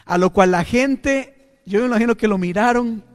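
Guy pastor preaching in church, slips in english words, long echo in the hall. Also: high-pitched. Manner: preaching with dramatic pauses and English asides. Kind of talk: sermon.

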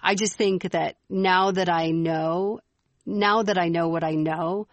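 A woman's voice: lowish voice, steady tone, slow, no room sound. A middle-aged woman co-hosting a podcast, talking in an earnest, reflective casual chat. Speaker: podcast co-host.

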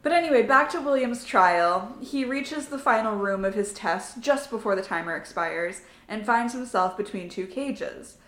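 A woman's voice: mid-range voice, animated, normal speed, few pauses, fairly bright tone. A woman co-hosting a podcast, reading out a movie's plot summary with joking asides in casual chat. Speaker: podcast co-host. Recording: roomy with faint ambience.

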